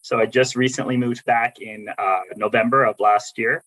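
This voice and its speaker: A middle-aged man from Arizona introducing himself as a new program navigator, in a relaxed way with many fillers and restarts. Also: medium pitch, moderate pace, rough recording. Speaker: program navigator for a state agency. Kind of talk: self-introduction at a video meeting. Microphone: video call.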